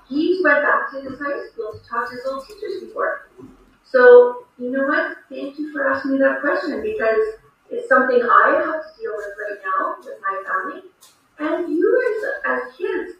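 A middle-aged woman with a high voice speaks to students from a small hospital room. The sound is very echoey and somewhat distant from the mic. She explains things in an encouraging, plain-spoken way, often putting rhetorical questions straight to her listeners. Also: fairly bright tone, dull audio. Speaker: online resource teacher speaking to students. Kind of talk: video call question-and-answer talk to teenagers.

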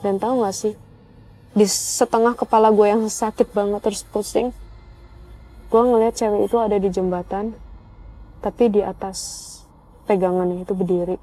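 A woman's voice: mid-range voice, steady tone, moderate pace, pauses often, dark tone, a little hiss or hum. A young woman telling a spooky personal story in a casual, chatty way, speaking straight to her viewers. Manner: chatty, conversational, addresses viewers directly. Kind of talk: casual spoken horror story.

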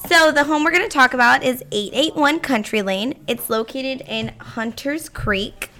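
A woman co-host with a slightly high voice that is worn hoarse from a late night. She reads home listings aloud and breaks in with playful, joking asides. The talk is casual and chatty. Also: normal speed, sharp tone. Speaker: co-host of a real estate news show. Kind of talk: casual chat.

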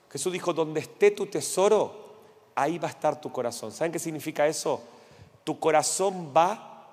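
Passionate Argentine pastor preaching. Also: male voice, fairly high pitch, a little mellow. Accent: Rioplatense Spanish. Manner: passionate, acts out voices in stories. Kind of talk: sermon with personal anecdotes. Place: church hall. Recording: church hall with long reverb.

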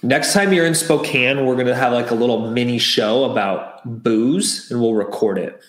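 A man's voice: mid-range voice, normal speed. A man co-hosting a podcast, chatting casually and plugging the channel with enthusiasm. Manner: upbeat, promotional. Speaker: podcast co-host. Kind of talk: casual chat. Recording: roomy echo.

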